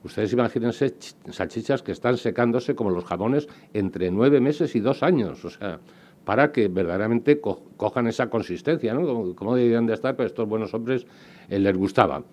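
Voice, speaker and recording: A man's voice: fairly low pitch, fairly quick, a little mellow. A man with a Spanish accent from Spain giving a public lecture on food history, talking conversationally with digressions and asides to the audience. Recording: dull lo-fi sound.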